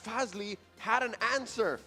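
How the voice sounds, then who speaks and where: A man working as an esports caster, giving animated, exclamatory live commentary. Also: sits high, measured pace, faint music behind.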